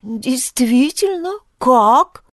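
A woman's voice: high voice, expressive, very slow, no room sound, clean studio sound, voice pushed up, heavily acted. A woman voicing an unseen, bad-tempered creature with a nasal voice who barks orders in a storybook reading. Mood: bossy. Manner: nasal, bossy, barking orders. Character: unseen bossy shirt-eating creature with a nasty temper.

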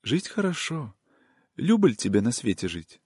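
A man voicing a tender, melancholy young peasant woman in an audiobook reading, with a soft, soothing, singsong manner. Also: medium pitch, sing-song, normal speed, breathy edge, dry recording, clean studio sound.

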